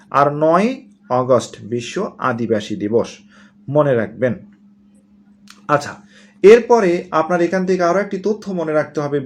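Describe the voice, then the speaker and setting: A man from Bangladesh giving an exam-prep lesson, asking questions and answering them himself, repeating key points. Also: on the high side. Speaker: teacher. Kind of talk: exam-prep lecture with memory tricks.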